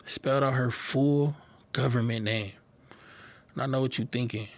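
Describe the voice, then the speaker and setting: Young man, personal testimony, earnest, halting delivery, mid-range voice, dry close sound. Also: mid-range voice, fairly even intonation, no room sound. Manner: earnest, halting, repeats words when emotional. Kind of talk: personal testimony to a live audience.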